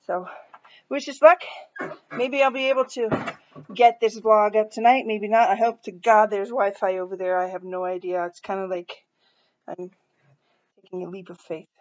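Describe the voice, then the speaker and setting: A woman's voice: fairly high pitch, dull audio, slight background noise. A woman in her forties talking candidly and rambling in a casual vlog, tired and a little out of breath from moving house. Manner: rambling, candid, self-deprecating. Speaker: vlogger. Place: house being moved out of.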